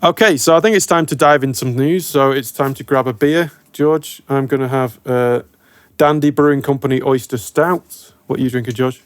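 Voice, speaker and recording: A man's voice: mid-range voice, steady tone, normal speed, clean tone, no room sound. A male podcast host chatting informally in a mid-range voice. The recording is very dry, with hardly any room sound around him. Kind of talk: casual podcast chat.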